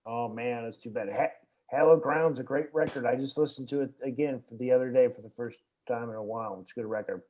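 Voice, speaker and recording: A man's voice: mid-range voice, fairly quick, darkish tone, highs cut off. A man co-hosting a casual podcast, rambling and swearing casually. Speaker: podcast co-host. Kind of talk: casual chat.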